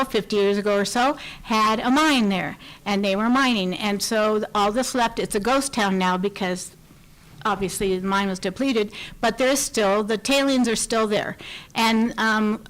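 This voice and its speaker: A woman giving a public comment at a county board meeting, earnest and explanatory, with frequent pauses to search for words. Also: mid-range voice, poor audio.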